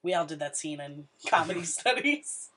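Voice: medium pitch, animated, normal speed, a bit bright. A young adult co-hosting a podcast, chatting casually with blunt, dramatic remarks. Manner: blunt, dramatic, frequent laughter. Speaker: podcast co-host. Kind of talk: casual chat.

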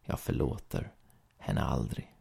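A man reading ghost stories aloud in a slow, even storytelling voice.

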